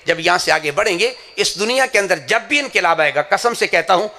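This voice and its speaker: A man's voice: high voice, lively intonation, creaky, bright, forceful tone. A man from Pakistan preaching an impassioned sermon at a madrasa gathering, telling anecdotes and swearing to his sincerity.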